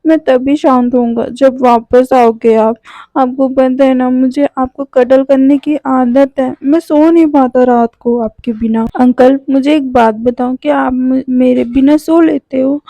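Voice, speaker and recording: A woman's voice: high-pitched, steady tone, unhurried, mellow, no echo. A woman voicing a clingy young man who pouts and pleads with his uncle in a whiny way. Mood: whiny pleading. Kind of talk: storytelling voice acting.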